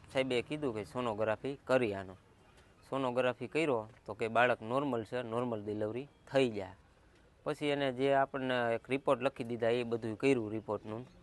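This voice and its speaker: A man, a patient's relative, telling a reporter step by step what happened. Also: medium pitch. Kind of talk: spoken account to a reporter.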